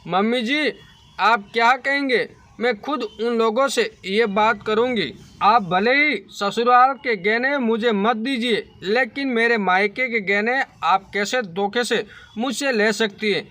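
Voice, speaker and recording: A man's voice: very high voice, unhurried, bright, forceful tone, exaggerated voice. A man voicing a wronged young bride. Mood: pleading. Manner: pleading, indignant. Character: young married woman, wronged daughter-in-law.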